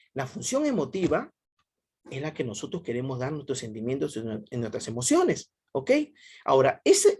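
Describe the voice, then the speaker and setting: Male teacher, lively pitch, husky voice, online class, keeps checking in with students. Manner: repetitive, checks in with "ok?" often, quizzes students.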